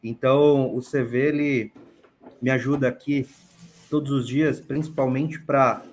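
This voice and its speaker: A man from São Paulo speaks as a panel guest on a webinar. He explains in a measured, deliberate way, in a voice of ordinary pitch. A faint hum of background noise sits under his speech. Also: steady tone, a little mellow. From São Paulo, Brazil. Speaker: guest, real estate manager.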